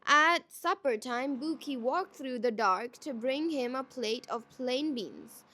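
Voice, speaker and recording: A woman storyteller reading a scripted folktale with a deliberate, expressive delivery. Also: high-pitched.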